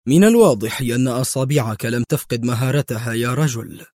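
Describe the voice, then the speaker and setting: A man's voice: medium pitch, expressive, brisk, dark tone, dry recording, clean studio sound, close to an everyday voice. A man voicing a composed senior male intelligence director.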